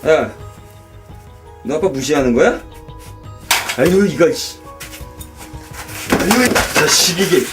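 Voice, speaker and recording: A man playing an angry drunken father who yells and curses at his child and wife, with music playing behind. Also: on the high side, very animated, slow, long pauses. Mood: angry scolding. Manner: yelling, cursing, contemptuous. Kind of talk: amateur campaign drama.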